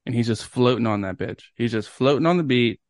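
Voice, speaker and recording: A man's voice: medium pitch, expressive, a little fast, no room sound, studio quality. A young man co-hosting a podcast, chatting casually and telling stories with enthusiasm and casual swearing. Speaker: podcast co-host. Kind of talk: casual chat.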